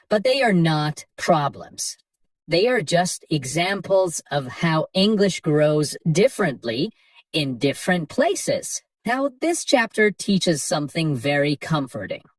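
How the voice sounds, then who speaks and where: An English teacher narrates a scripted lesson for beginners, speaking slowly in short, simple sentences. Her slightly low voice rises and falls with lively emphasis, and she sounds distant from the microphone in a dry room without echo.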